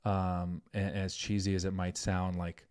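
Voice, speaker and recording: A middle-aged man hosting a parenting podcast, telling a story in an earnest, animated way and saying "like" often. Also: low-pitched, unhurried, clean tone. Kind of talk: casual podcast conversation.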